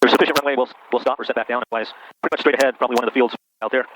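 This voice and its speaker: A man giving calm, clipped radio calls and cockpit instructions as a pilot, through an aviation intercom headset. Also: medium pitch, racing. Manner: clipped, procedural delivery. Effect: aviation intercom headset sound. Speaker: pilot in an instrument training flight. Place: inside small aircraft cockpit. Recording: noisy aircraft intercom, loud engine drone.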